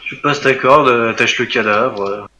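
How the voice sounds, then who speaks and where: A man chats casually as a player in a tabletop game, his tone bright and a little tense. He jumps in quickly, easygoing and talkative. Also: mid-range voice, a little hiss or hum.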